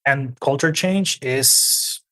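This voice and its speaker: Here the same kind of guest, an Argentina-born man in his forties who grew up in Norway, sounds mid-range, slow, bright and forceful. In this conversational interview he's still thoughtful and hesitant, with many restarts.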